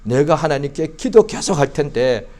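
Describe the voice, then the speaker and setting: Lively-pitched male pastor preaching. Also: moderate pace. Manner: preaching with rising fervor, sometimes shouting; acts out psalm prayers in an impassioned voice. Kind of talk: sermon. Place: church.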